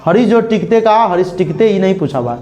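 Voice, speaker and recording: A young man with a Bihar Hindi accent teaching a grammar lesson to a class. He slowly spells out examples, repeats words, and keeps checking with "clear?". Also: high voice, animated, dark tone, highs cut off.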